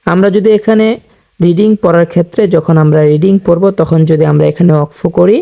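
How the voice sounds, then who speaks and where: Middle-aged male Quran teacher, gravelly and mellow, slow syllable-by-syllable spelling with repetition. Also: on the high side. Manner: slow, repeating each syllable, drawn-out melodic Arabic recitation. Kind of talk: spelling-out Quran recitation lesson.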